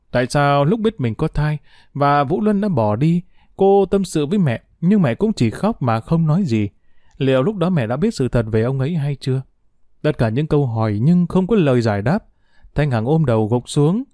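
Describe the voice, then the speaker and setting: A man calmly narrating a scripted family drama story. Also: mid-range voice, no room sound, clean studio sound.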